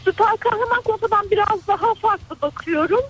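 Radyo programına telefonla katılan bir kadın. Sesi ince ve yüksek, hat üzerinden biraz uzaktan geliyor gibi. Rahat ve sakin bir tonla, sorulara kısa cevaplar veriyor. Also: female voice, very high-pitched, quick pace, fairly bright tone, faint music behind. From Adana, Turkey. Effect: heard over a phone line. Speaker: radio call-in caller. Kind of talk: casual call-in chat. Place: in a car on the road to work.

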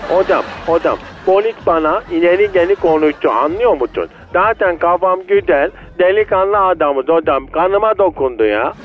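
A man's voice: high-pitched, expressive, moderate pace, few pauses, dull audio, slight background noise. A man voicing a drunk, lovesick, streetwise male ram who answers a call over a landline phone. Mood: indignant. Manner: streetwise, self-pitying, calls everyone "hocam".

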